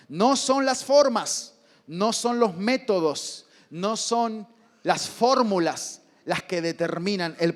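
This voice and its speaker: Male pastor, high voice, unhurried sermon delivery, big echoing hall reverb. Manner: deliberate preaching, rhetorical questions, swelling emphatic repetitions.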